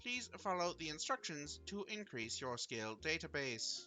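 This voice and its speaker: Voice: medium pitch, very animated, a little slow, pushed and bright, soft background music. A streamer putting on a robot voice to play a stiff, formal male robot worker in a game, speaking in clipped, literal phrases. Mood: mechanical, formal. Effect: robot voice put on by a streamer. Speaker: streamer reading game dialogue aloud. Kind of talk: let's play voice acting.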